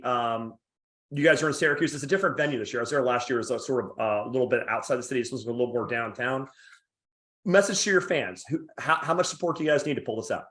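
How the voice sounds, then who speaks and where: A man's voice: medium pitch, a bit bright. A man hosting a casual sports podcast interview, chatty and joking. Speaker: podcast host.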